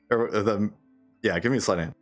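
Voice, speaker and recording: A man's voice: fairly low pitch, brisk, faint music behind. A man running a tabletop game as game master, narrating with hesitant fillers and frequent laughs.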